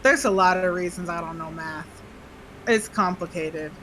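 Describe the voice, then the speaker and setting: A woman co-hosting a podcast in casual chat, quick to laugh and make sarcastic asides. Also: lowish voice, a bit bright, slight background noise, poor audio. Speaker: podcast co-host.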